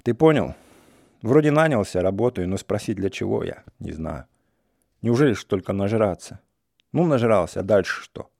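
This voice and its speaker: A man's voice: on the low side, animated, moderate pace, creaky, warm tone, dry recording, studio quality. A man doing a bitter restless young villager. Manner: heated, sardonic, rising outbursts.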